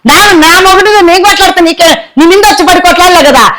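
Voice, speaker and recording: A woman playing a loud, quarrelsome wife in a comedy skit, speaking in a rapid scolding tirade. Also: extremely high pitch, a loud crowd.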